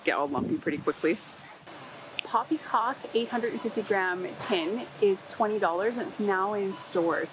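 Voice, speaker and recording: A woman's voice: medium pitch, noisy background. A woman in a large warehouse store, chatting casually as she reads product labels aloud for a shopping vlog. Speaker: shopping vlogger.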